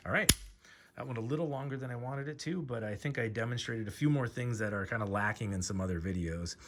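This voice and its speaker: A man giving a casual hands-on tutorial, talking haltingly with fillers and restarts while he works. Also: medium pitch. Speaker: host demonstrating pistol disassembly.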